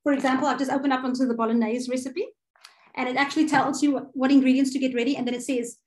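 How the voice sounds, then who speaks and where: A woman's voice: sits high, steady tone, quick pace, darkish tone. A woman with a South African accent leading an online cooking workshop over a video call, chatty with many fillers and self-corrections.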